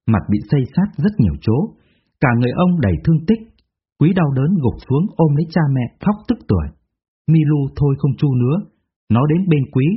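A man narrating a story in an expressive, steady reading voice. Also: medium pitch, breathy edge. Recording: tinny phone-like sound.

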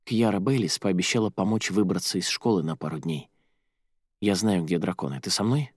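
A man's voice: low-pitched, a little fast, husky, no room sound. Audiobook: male reader doing a witty young heroine, dry booth. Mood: wry. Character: sharp-tongued young woman student.

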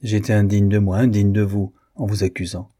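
A grave husband confessing his failings in a firm, cold, grieving tone, read by a man. The voice is low and mellow with a husky edge. It comes from a spoken audiobook. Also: level tone, brisk. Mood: grave remorse. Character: stern, remorseful husband, grave and proud. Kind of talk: audiobook reading.

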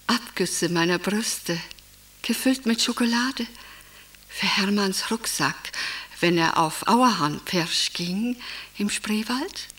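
A woman's voice: medium pitch, takes it slowly, fairly bright tone, husky. An actress performing a radio play monologue as a dreamy, wistful older widow who muses and sighs as her thoughts wander. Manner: wandering, musing, sighing asides.

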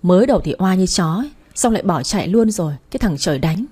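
A brash, talkative old aunt from a storybook, blunt and quick to scold, as a woman reader puts her on. The voice sits low and mellow, never sharp or bright. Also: animated, breathy edge.

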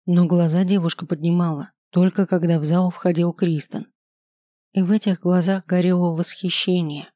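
A reader tells a first-person story at a measured, even pace, reading out chapters of a novel. The voice sits at a middling pitch. The recording is dry, with no room echo. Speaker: audiobook reader. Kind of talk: scripted first-person narration.

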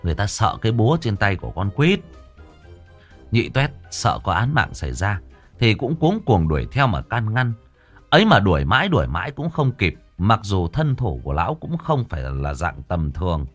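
A man narrating a comic ghost story in an animated, colloquial, earthy way. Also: lowish voice, normal speed, soft background music.

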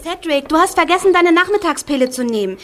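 A woman playing a bossy but caring hospital nurse in an audio drama, brisk and directive. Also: very high voice, lively intonation, a little hiss or hum. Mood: brisk, concerned.

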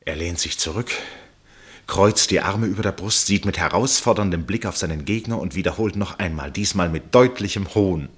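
An actor playing a first-person narrator in a literary radio play, a husky-voiced man telling his account in a measured, suspenseful way. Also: low-pitched. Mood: tense. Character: male first-person narrator, absorbed witness of a chess match.

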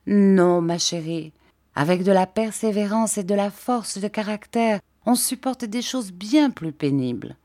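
A woman's voice: mid-range voice, lively intonation, measured pace, no room sound, studio quality, pitched above the performer's own voice, close to an everyday voice. Earnest tender young man, read by a woman. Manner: gentle, coaxing, earnest.

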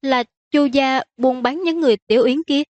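A woman voicing a spirited young princess, pleading with her father in a high, wheedling voice. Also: normal speed, a little mellow, no room sound, lightly acted. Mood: indignant.

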